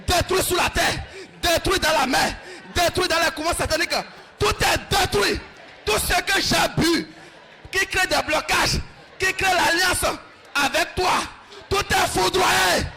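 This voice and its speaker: A male pastor leading a shouted deliverance prayer, fervently repeating short commands over and over. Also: extremely high pitch, measured pace, vocal fry, a faint crowd.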